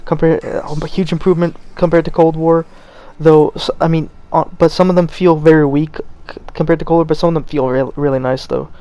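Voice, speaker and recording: A man's voice: a little high, flat delivery, fairly quick, few pauses, dark tone, dry recording, dull audio. A young man giving a rambling, unscripted rant as a gaming channel host, stammering and restarting as he talks while feeling cold. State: cold, stuttering. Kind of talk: unscripted gameplay commentary rant.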